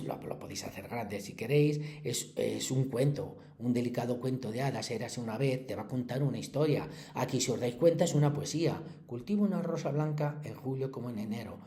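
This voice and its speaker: Mellow-voiced Spanish teacher in an echoey room. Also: male voice, mid-range voice. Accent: central Spanish (Castilla-La Mancha). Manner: chatty, explanatory, checks in with frequent tags. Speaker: secondary school language teacher. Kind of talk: classroom review lesson.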